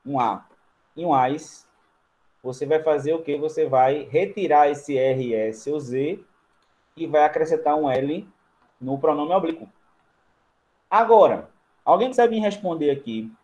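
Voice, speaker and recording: Brazilian guy teaching grammar, bit high voice, goes step by step and checks with the class a lot. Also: a little slow, long pauses, a little mellow. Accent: Brazilian Portuguese. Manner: writes on a board while talking. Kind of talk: grammar lesson.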